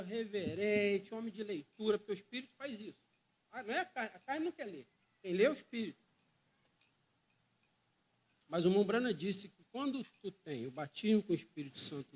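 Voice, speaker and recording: A man's voice: high-pitched, breathy edge. A man with a Brazilian Portuguese accent preaching a sermon, fervent and emphatic, often repeating phrases and calling listeners brother.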